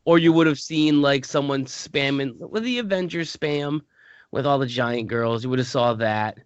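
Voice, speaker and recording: A man's voice: mid-range voice, normal speed, smooth, no room sound, muffled recording. A man co-hosting a podcast, chatting casually about a tabletop game and rambling with frequent self-corrections. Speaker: podcast co-host.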